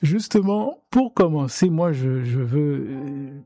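A man's voice: on the high side, expressive, slow pace, mellow. A man hosting an interview, speaking in a hesitant, roundabout way. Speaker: radio interviewer.

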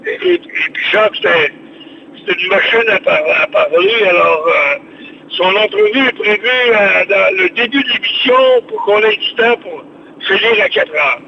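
A chatty older man with a Québécois accent and a high voice, speaking over a dull, muffled phone line. Faint hiss sits behind him, and he rambles on, often repeating his words. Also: normal speed, vocal fry. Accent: Québécois French. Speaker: radio show host on the phone. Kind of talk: casual radio chat.

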